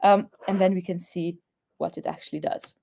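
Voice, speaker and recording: A woman's voice: lowish voice, steady tone, normal speed, vocal fry, warm tone. A woman presenting a live online science demonstration, explaining step by step with frequent fillers, recorded on a camera mic indoors. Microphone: webcam or phone camera mic.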